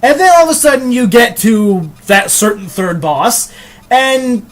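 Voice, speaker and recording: A man's voice: very high-pitched, lively intonation, a little slow. A man reviewing a video game in casual chat, rambling with many hesitations and casual swearing.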